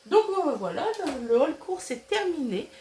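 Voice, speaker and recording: A woman's voice: high voice, big pitch swings, a little slow, dark tone, a little hiss or hum. A middle-aged woman with a cold, talking through her nose as she casually shows off her grocery haul, chatty and hesitant with lots of fillers. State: nasal, has a cold. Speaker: vlogger showing a grocery haul.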